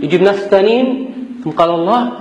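Male preacher, very high voice, impassioned and exhorting in a fiery sermon, echo-heavy hall sound. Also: expressive, quick pace, a little mellow, dull audio. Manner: impassioned, exhorting, rhetorical questioning. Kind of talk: fiery sermon with scriptural recitation. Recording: echoey, long reverb.

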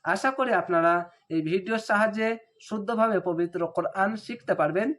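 A man's voice: high-pitched, a bit bright. Man chanting syllables in a recitation lesson. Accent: Bangladeshi Bengali. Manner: spells out syllables slowly, then chants the words. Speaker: Quran reading teacher.

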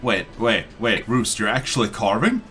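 A man's voice: lowish voice, big pitch swings, normal speed, bright, forceful tone, faint music behind. A man chatting casually while playing a game with friends, dry and teasing, signing off the episode. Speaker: co-host gamer. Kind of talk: casual gaming chat.

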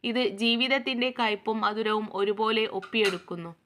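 A woman's voice: fairly high pitch, moderate pace, a bit bright, slight background noise. A woman teacher reading a school lesson aloud, going steadily through a play script and study notes with a few small slips.

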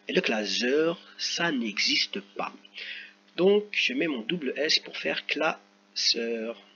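A man's voice: on the high side, pushed and bright, a little hiss or hum. A man working as a teacher, patiently correcting a worksheet for children step by step and speaking to them directly. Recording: slightly dull home recording with faint ambience.

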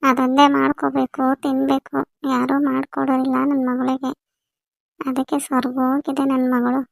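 A woman's voice: high voice, level tone, normal speed, gravelly, dry recording. A woman playing a doting village mother who fusses over her daughter in a family skit. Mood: fussing. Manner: fussy, insistent.

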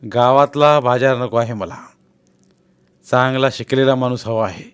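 A man's voice: medium pitch, unhurried, smooth, natural voice. A man voicing a shrewd, persuasive male village politician who keeps pressing and teasing his friend in a read-aloud novel. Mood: coaxing, persuasive.

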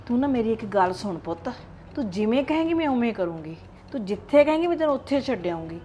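A woman with a Punjabi accent playing a scheming older grandmother who coaxes a child in a soft, conspiratorial way. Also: fairly high pitch, big pitch swings, fast talker, slight background noise. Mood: coaxing. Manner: coaxing, conspiratorial.

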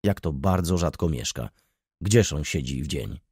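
A man's voice: rumbling low, animated, a little slow, darkish tone, husky, no echo, clean studio sound, full character voice. A man voicing a stern, businesslike older judge who asks terse questions. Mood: questioning. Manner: terse, matter-of-fact.

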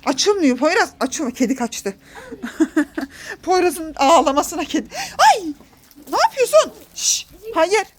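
A woman's voice: high-pitched, very animated, a little slow. A woman filming a family vlog outdoors in a garden, coaxing and scolding her children and laughing often.

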